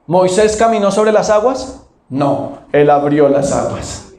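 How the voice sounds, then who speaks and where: Male pastor, high voice, call-and-response preaching, roomy church sound. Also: lively intonation, slow pace, a little mellow. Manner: asks the congregation questions and answers them himself. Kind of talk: sermon.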